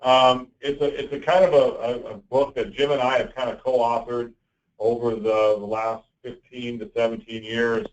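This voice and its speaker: List: man on a call speaker, muffled and distant, halting, conversational. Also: mid-range voice, little pitch movement. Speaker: sales manager leading a training call. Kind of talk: conference call meeting.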